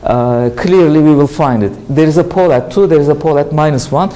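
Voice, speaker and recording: A man's voice: a little high, fairly quick, dark tone, low-quality recording. Turkish-accented man lecturing a class. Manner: explanatory, asks and answers his own questions. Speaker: university lecturer. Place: lecture hall.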